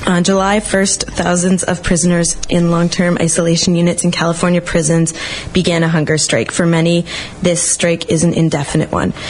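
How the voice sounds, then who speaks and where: Low, flat-voiced woman reading a news report. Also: a little hiss or hum, poor audio. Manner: steady, measured reading with an occasional filler. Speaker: community radio reporter.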